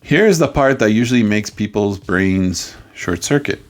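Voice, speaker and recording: A man as a life coach, giving a playful, jokey coaching talk with sudden loud outbursts. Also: fairly low pitch, animated, moderate pace.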